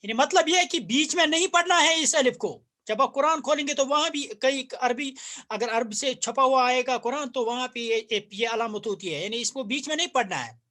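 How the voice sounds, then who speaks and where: A man's voice: very high-pitched, normal speed, sharp tone. A middle-aged man from India with a Kashmiri accent, a native Urdu speaker, teaching a recorded Arabic grammar lesson and patiently repeating and translating each phrase.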